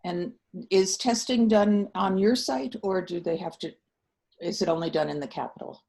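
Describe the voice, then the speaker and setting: A woman interviewing colleagues on a video call, asking brisk, friendly questions with fillers. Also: on the low side, vocal fry, dark tone.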